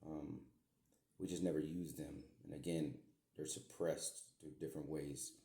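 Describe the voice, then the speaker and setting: A man's voice: extremely low pitch, steady tone, a little slow, dark tone. A middle-aged man and podcast host, talking to his daughter in a meandering, repetitive way with some mild swearing. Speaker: podcast host, self-described medium. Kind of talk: rambling spoken message to his daughter. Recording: echoey room.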